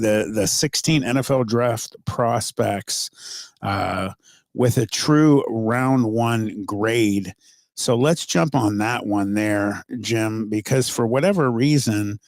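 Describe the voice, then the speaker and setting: A man hosting a sports talk show, rambling and halting with many fillers as he talks about football. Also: mid-range voice, creaky, a little mellow, no room sound, clean studio sound.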